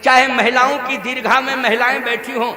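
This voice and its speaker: A man's voice: little pitch movement, brisk, sharp tone. A male preacher, delivering a scripture sermon to a large gathering, asking the crowd questions for them to answer back. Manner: booming, preaches with call-and-response questions to the crowd. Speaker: religious storyteller. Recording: echoey hall, long reverb.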